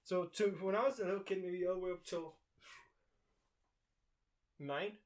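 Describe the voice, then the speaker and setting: A man's voice: high voice, normal speed. A young man from Mexico co-hosting a podcast in a laid-back, casual chat, swearing and laughing easily. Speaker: podcast co-host.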